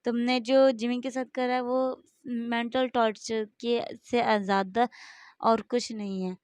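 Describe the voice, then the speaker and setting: A woman voicing a calm young man who soothes and reassures gently. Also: fairly high pitch, unhurried, clean tone, no echo, close to an everyday voice. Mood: firm.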